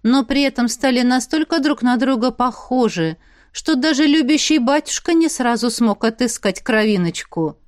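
A woman reading a fairy-tale audiobook in an even storytelling manner. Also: fairly high pitch, moderate pace, no room sound, clean studio sound. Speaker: audiobook narrator. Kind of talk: scripted narration.

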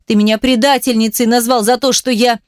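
A woman's voice: steady tone, fairly quick, no echo, clean studio sound, natural voice. A woman voicing a hysterical, venomous woman who hisses and shrieks sarcastic accusations at her ex. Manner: shrill, hissing, sarcastic.

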